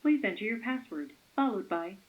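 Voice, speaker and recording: A woman's recorded voicemail prompts, heard through a landline phone speaker and read out in an even, measured way. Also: mid-range voice, crowd noise. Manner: even, measured menu announcements. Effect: heard over a landline phone speaker. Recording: muffled lo-fi phone audio.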